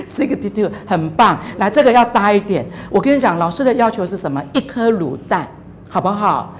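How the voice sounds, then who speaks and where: A woman's voice: medium pitch, slight background noise. Woman in her 40s teaching english sounds on tv, peppy, lots of praise, drags out the vowels over and over. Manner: upbeat, praising, models sounds in drawn-out repeats; mixes English words into the talk. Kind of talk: televised phonics lesson.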